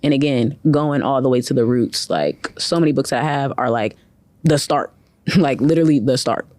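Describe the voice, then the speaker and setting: A woman's voice: a bass voice, moderate pace, darkish tone, dry recording. A young woman from Cleveland, a guest in a casual interview, talking freely with many "like" fillers. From from Cleveland, Ohio. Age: young adult. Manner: chatty, full of "like" fillers.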